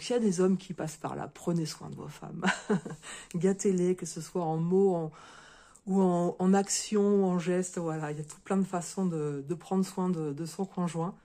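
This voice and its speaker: Lady vlogging, bit hoarse, dark mellow voice, lots of euh and restarts. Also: sits low. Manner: hesitant, many fillers and restarts. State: slightly hoarse. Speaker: crafting video creator. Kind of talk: casual unboxing chat to viewers.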